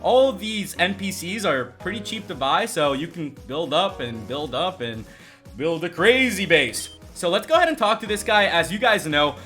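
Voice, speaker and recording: A man's voice: high-pitched, very animated, moderate pace, sharp tone. A young man from El Salvador giving upbeat, chatty gameplay commentary, talking straight to his viewers. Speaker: let's play host. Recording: music playing behind the voice.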